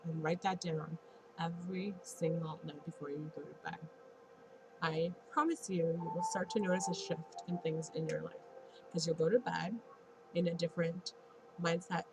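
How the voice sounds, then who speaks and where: A congested woman in her late thirties, a vlogger and Reiki practitioner, speaks earnestly and encouragingly to her viewers in a fairly low voice, often laughing between thoughts. It's casual motivational talk on a low-quality recording.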